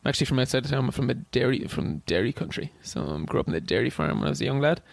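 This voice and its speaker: A man's voice: medium pitch, sing-song, racing, vocal fry, no room sound. An Irish man in his thirties, chatting as a podcast guest, rambling with restarts and casual swearing. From Ireland. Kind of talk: casual interview chat.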